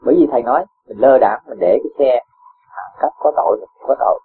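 A Buddhist teacher, gently admonishing a student in a question-and-answer dharma talk and posing rhetorical questions with a chuckle. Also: male voice, medium pitch, fast talker, a little hiss or hum. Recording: tinny lo-fi phone-like sound.

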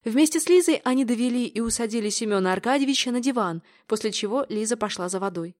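A woman reads an audiobook of a romance novel, her voice sitting a little high. Her delivery is measured and held back, rarely pushing. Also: animated, darkish tone. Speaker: audiobook narrator. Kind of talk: scripted narration of a romance novel.

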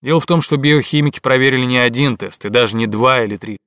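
A man's voice: mid-range voice, quick pace, fairly bright tone, clean tone, no room sound, studio quality, natural voice. A man voicing an agitated male lab worker phoning in urgent bad news. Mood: glum.

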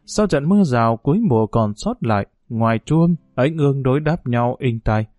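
A man narrating a novel in a steady, unhurried storytelling manner. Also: mid-range voice, no echo, studio quality, soft background music. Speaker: audiobook narrator.

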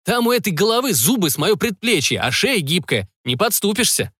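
A boastful young male warrior recounting a fight, animated and indignant, voiced by a man. The voice sits a little higher than usual and sounds dry and close. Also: fast talker, no echo. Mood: excited. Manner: excited, indignant.

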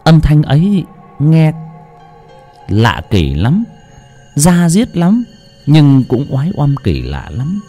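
A man narrating a horror story in an expressive, lilting storytelling manner. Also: a little high, takes it slowly, pauses often, faint music behind.

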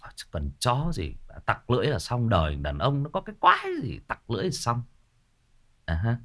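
A man's voice: mid-range voice, wildly swooping pitch, fairly quick, pushed and bright. A man, hosting and giving a listener casual spoken advice in an earnest, repetitive way, full of fillers and stuttered restarts. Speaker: host advising a listener.

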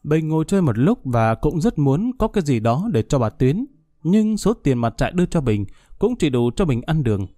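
A man narrating a story in a calm, steady storytelling voice, speeding up a little in the dialogue. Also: fairly high pitch, normal speed, dry recording, studio quality. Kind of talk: audiobook narration.

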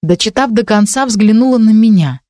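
A woman narrating an audiobook in a measured, expressive way. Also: on the high side, no room sound, studio quality.

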